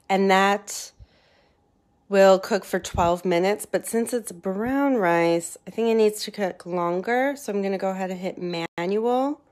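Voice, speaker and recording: Holding her phone as she records, a woman cheerfully talks through a casual cooking vlog at home. She has a mid-range, somewhat mellow voice.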